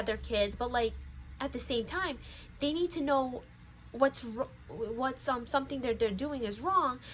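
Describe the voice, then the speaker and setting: A woman's voice: sits high, a bit bright, low-quality recording. A nineteen-year-old woman talking casually to her viewers in a rambling, lecturing way, with many fillers and restarts. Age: young adult. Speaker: vlogger. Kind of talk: casual chat.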